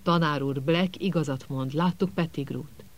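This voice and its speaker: A man's voice: fairly high pitch, lightly acted. A man voicing an agitated teenage boy who insists urgently in an audiobook.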